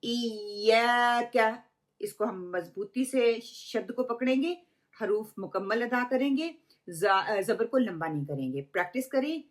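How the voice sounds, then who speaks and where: A woman's voice: a little high, expressive, normal speed. A woman teaching a recitation lesson step by step, patiently drawing out each example word.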